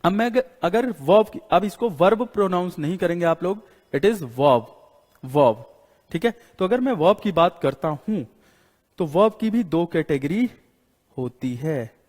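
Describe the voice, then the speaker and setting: A man's voice: high-pitched, lively intonation, moderate pace, a little mellow. A man with an Indian accent teaching an English lesson, repeating rules and quizzing students as he writes on the board. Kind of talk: classroom lecture in Hindi. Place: classroom with a board. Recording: long hall reverb.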